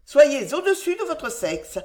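A woman voicing an excitable, fawning young gentleman who pleads theatrically. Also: high-pitched, a little slow, voice pushed up.

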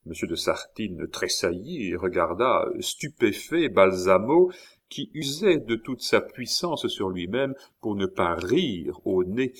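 A man reading an old novel aloud with a lowish voice and a lively, wide-swinging delivery. He is expressive and now and then hesitates with small fillers. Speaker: narrator.

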